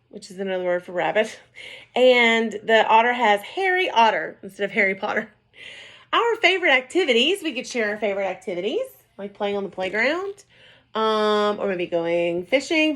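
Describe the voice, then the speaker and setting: A woman teacher reading a picture book aloud to young children, gentle and sing-song, often checking in with "right?". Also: a little high.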